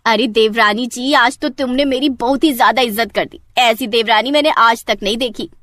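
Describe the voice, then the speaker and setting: A woman's voice: fairly high pitch, normal speed, fairly bright tone, no room sound, close to an everyday voice. A woman voicing a nosy, prying elder sister-in-law. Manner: prying, questioning.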